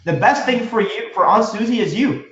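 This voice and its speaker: A man teaching a live real estate seminar, energetic and quizzing his audience with questions. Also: high-pitched, moderate pace. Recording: echoey room, dull lo-fi sound.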